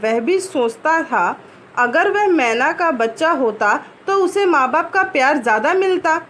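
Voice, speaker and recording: A woman with a high voice reads a school story slowly, pausing to ask what words mean and then answering herself. A faint hum of background noise sits under her voice. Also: fairly bright tone. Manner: pauses to ask and answer word meanings. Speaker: teacher. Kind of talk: reading a story aloud and explaining words to pupils.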